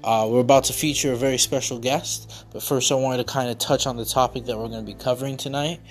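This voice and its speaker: A man hosting a casual podcast, talking in a halting way with many fillers and restarts. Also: medium pitch, fairly even intonation, soft background music. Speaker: podcast host.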